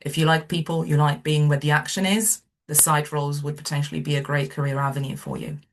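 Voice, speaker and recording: A woman's voice: low-pitched, flat delivery, fast talker, a little hiss or hum. A middle-aged woman from Romania, a recruiter giving a webinar presentation over a video call, hesitant with many ums.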